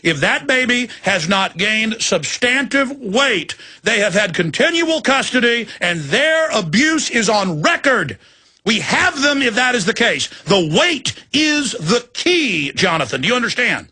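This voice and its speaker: A male talk radio host speaks with a high, tense, bright voice. He is intense and insistent, piling up repeated words as he presses a caller with urgent advice. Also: very animated, a little slow.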